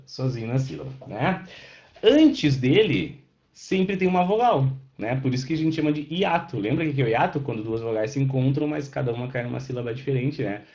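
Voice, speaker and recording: A man's voice: mid-range voice, darkish tone. A man teaching a Portuguese class who explains step by step, checks often that students follow and answers them by name. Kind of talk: online class lecture. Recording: roomy, dull lo-fi sound.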